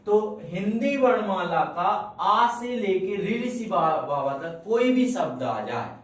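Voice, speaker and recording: A man teaching an English grammar lesson in a classroom, slowly repeating points and quizzing his students with questions. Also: high voice, lively intonation, a bit bright. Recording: echoey room, mic far off.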